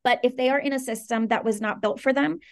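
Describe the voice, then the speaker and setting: A woman in her thirties, raised between Venezuela and the Washington DC area, speaking as an interview guest in an articulate, earnest and animated way. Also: on the high side, quick pace. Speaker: guest, startup co-founder. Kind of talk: interview conversation.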